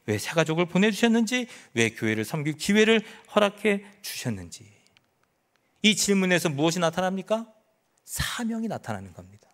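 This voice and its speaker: A middle-aged male pastor preaching a sermon, swinging between loud declarations and hushed lines and acting out imagined speech. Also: sits high. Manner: dramatic, quotes imagined speech.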